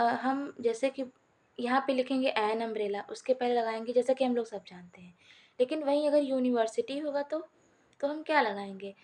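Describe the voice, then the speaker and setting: Woman teaching grammar, slightly high voice. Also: a little mellow. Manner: explains step by step, repeats examples, asks and answers own questions; addresses viewers as friends. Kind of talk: Hindi-language grammar lesson.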